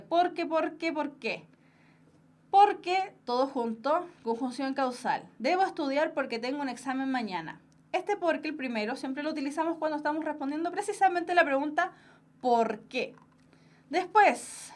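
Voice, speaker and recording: A young woman with a Chilean Spanish accent teaching an online exam-prep grammar class, explaining step by step and checking in with her students. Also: fairly high pitch. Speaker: language teacher.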